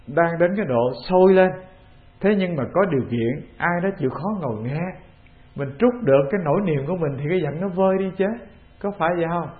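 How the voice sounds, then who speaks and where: A man with a Vietnamese accent, a Buddhist monk giving a calm, measured dharma talk, often putting questions to the assembly. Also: fairly high pitch. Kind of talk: sermon. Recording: tinny phone-like lo-fi recording.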